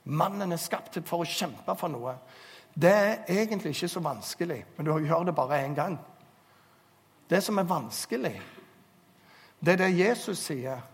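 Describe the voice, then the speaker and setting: A man's voice: fairly high pitch, expressive, pauses often. A man preaching a sermon, telling stories and urging listeners earnestly, recorded in a church hall. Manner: storytelling, earnest exhortation. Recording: long hall reverb.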